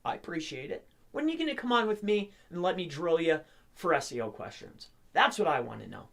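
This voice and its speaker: A man's voice: a little high, very animated, a little fast, creaky, fairly bright tone. A man hosting a casual live tutorial, chatting on nonstop and informally addressing his viewers as he goes. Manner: rambling, chatty, talking on nonstop. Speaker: host of an SEO tutorial livestream.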